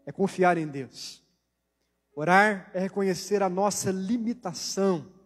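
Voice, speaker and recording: A man preaching a sermon with a Brazilian Portuguese accent, delivering slow deliberate phrases that trail off softly at their ends. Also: high-pitched. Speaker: pastor. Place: church hall. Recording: long church hall reverb.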